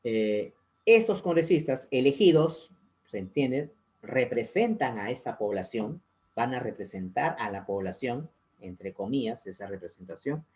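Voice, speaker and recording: A man's voice: medium pitch, very animated, measured pace, darkish tone. A man with a Peruvian accent teaching a civics lesson, explaining step by step, asking rhetorical questions and repeating the key points. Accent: Peruvian Spanish. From Peru.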